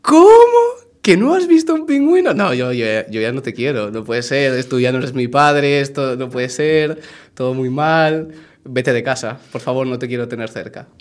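A man from Spain voicing an indignant young son who turns on his father in shrill disbelief. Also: fairly even intonation, moderate pace, natural voice. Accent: Spain Spanish. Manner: shrill disbelief, then rambling rejection.

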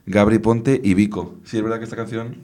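Deep-voiced, quick-talking man. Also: steady tone, mellow. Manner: rambling, hesitant, filler-heavy. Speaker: radio show co-host, teacher. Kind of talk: casual chat.

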